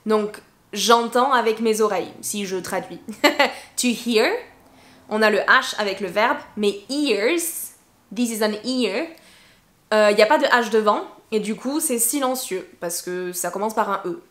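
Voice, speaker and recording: A woman whose first language is French, teaching English pronunciation in a bilingual lesson and slowly drawing out example words. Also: mid-range voice, a bit bright. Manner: switches between English and French, slow drawn-out examples. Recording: echoey room.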